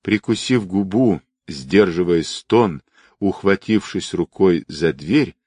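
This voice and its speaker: A man's voice: sits low, animated, takes it slowly, a little mellow, husky, dry recording. A man narrating a story as an audiobook, reading expressively.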